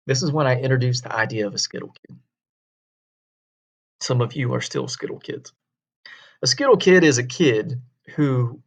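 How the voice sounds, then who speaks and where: Heard on a dull, lo-fi classroom recording, a man with a creaky mid-range voice teaches history. His manner is folksy and conversational, with stories punctuated by rhetorical questions.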